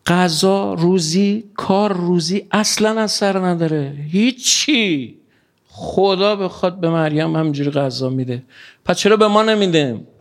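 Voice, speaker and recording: A man preaching a sermon, impassioned and pleading, swinging between hushed and raised. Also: high voice.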